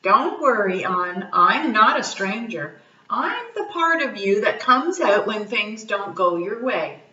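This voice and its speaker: Brief: friendly anger monster, read by a woman, coaxing, bright tone, roomy far sound. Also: mid-range voice, very animated, slow, lo-fi sound, slight background noise, exaggerated voice. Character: hairy red anger creature, friendly and coaxing.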